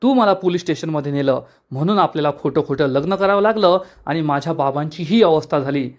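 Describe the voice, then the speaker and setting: A woman's voice: low-pitched, brisk, darkish tone, lightly acted. A man reading as a bitter young woman blaming others. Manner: bitter, accusing. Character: young woman, grieving and angry daughter.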